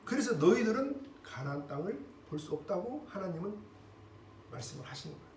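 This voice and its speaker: A male pastor delivers a lively sermon with a high, swooping voice, acting out the people in his story and checking in with the congregation. He sounds a little off the microphone in an echoey church hall, with a faint hum of room noise behind him. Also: a little fast, distant mic. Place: church sanctuary.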